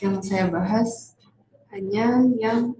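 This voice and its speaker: Teen girl student presenter, hesitant and unhurried, echoey classroom recording with faint background noise. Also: mid-range voice, steady tone, dark tone. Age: teens. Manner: hesitant, many pauses and fillers.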